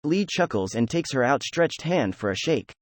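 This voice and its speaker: A man narrating a fan fiction audiobook in an even storytelling delivery. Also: medium pitch, moderate pace, no echo, clean studio sound. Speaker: audiobook reader.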